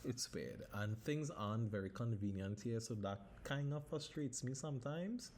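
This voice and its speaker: A man in his thirties from Trinidad runs a casual solo podcast with a Trinidadian accent, dropping swear words and Caribbean dialect throughout. His mid-range voice is expressive with a darkish tone at normal speed, against faint background noise.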